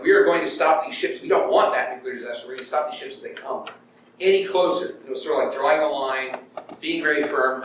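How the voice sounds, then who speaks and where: The voice belongs to a middle-aged man, pitched a little high with a fairly bright quality. In front of an audience in a university lecture room, he gives a relaxed, talky lecture, dramatizing paraphrased quotes and checking in with listeners, recorded distantly amid heavy echo and background noise.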